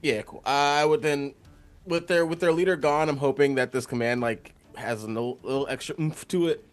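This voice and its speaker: A man's voice: on the high side, fairly quick. A man playing a tabletop game, talking casually and hesitantly as he thinks aloud.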